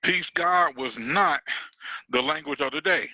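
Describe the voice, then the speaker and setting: A man's voice: a little high, measured pace, sharp tone, dull audio. A man telling his life story as a guest in a casual conversation, laid-back with plenty of fillers, on his own microphone during a call. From Detroit. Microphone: own mic on a call.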